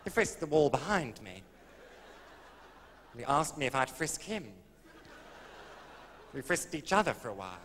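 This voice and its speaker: A man, a cabaret comedian telling a comic story on stage with a dry, camp, deadpan delivery. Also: mid-range voice, moderate pace, pauses often, slight background noise. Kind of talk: stand-up storytelling. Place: live stage venue. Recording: live hall recording from a video.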